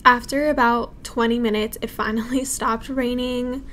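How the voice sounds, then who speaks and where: A woman's voice: a little high, fairly even intonation, moderate pace, background noise. A young woman in her twenties vlogging casually outdoors in a rainy park, gushing and giggly, filming at arm's length. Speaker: travel vlogger. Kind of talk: casual travel vlog. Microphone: handheld phone or camera at arm's length.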